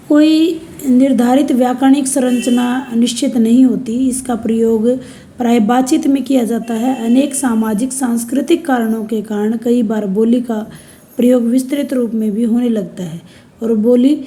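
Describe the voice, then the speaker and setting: Slow, mellow-voiced woman teaching a lecture. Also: on the high side. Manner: slow, deliberate explaining, spelling out examples one by one. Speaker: Hindi language teacher. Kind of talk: recorded lecture for university students.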